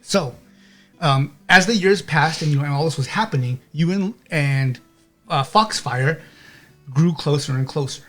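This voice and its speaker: Rambling game master, higher male voice. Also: measured pace, a bit bright, faint music behind. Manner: rambling, with many restarts and "okay?" checks. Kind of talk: narrating a tabletop game.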